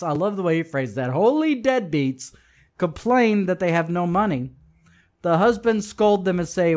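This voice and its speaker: A man teaching a class, reading from a book and commenting on it in an emphatic way, repeating phrases for stress and speaking straight to his listeners. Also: sits high. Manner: addresses listeners directly. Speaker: religious teacher.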